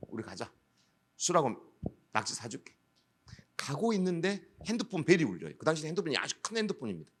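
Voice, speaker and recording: A middle-aged man tells stories to an audience, switching into the voices of the people in them. His speech rises and falls a great deal, and he sits a little higher than most men. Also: a bit bright. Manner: storytelling, switches into voices of students and police. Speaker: education official giving a talk. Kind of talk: anecdotal lecture with acted dialogue.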